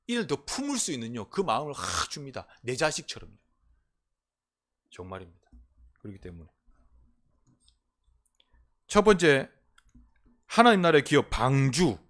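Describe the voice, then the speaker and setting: A Korean man preaching a sermon as a pastor in a church, swinging between emphatic proclamations and quiet, intimate asides. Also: mid-range voice. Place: church sanctuary.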